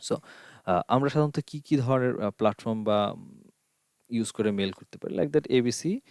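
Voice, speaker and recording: A man teaches an online course through a screen-share tutorial, speaking at normal speed in a low-ish, clear and resonant voice. Step by step he explains what's on screen, throwing in English and rhetorical questions to himself. It's studio quality, with no echo.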